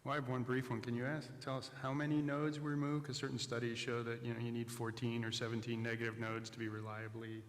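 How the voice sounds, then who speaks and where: A man moderates a conference session in a flat, even voice. His words are plain and short, with some fillers. A long hall reverb and faint noise sit behind him. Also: medium pitch, fast, few pauses.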